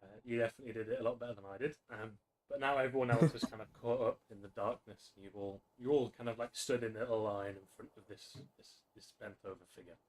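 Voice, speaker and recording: A man running a tabletop fantasy game as game master, narrating off the cuff in a halting, self-correcting way. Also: lowish voice, steady tone, darkish tone, low-quality recording.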